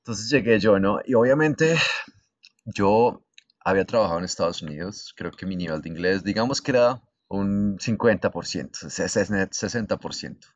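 Deep-voiced Colombian man, casual. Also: normal speed, no room sound, dull audio. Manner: laid-back storytelling with crude slang. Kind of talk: casual chat.

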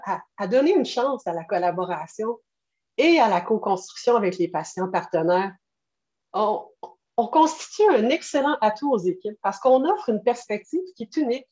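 A woman's voice: a little high, a little mellow. A woman in her late forties with a French Canadian accent, giving earnest answers as an interview guest. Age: late 40s. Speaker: podcast guest, patient partner. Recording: slightly dull, narrow-band sound.

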